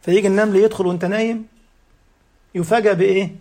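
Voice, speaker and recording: A man's voice: sits high, fairly even intonation, quick pace, warm tone. A man with an Egyptian accent giving a sermon, who keeps asking the congregation rhetorical questions and answering them himself. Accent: Egyptian Arabic. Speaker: preacher.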